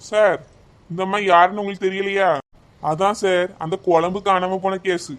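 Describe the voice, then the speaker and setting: A man doing a flat-voiced, dutiful head constable. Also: high voice, normal speed, clear, resonant tone, lightly acted. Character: dutiful middle-aged male head constable. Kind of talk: cartoon voice acting.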